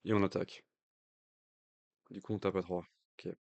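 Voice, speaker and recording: A man's voice: low voice, little pitch movement, moderate pace, creaky, darkish tone, no echo. A man with a French accent giving casual live commentary on a card game match, thinking aloud with hesitant fillers. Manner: jokey aside in accented English. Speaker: stream commentator.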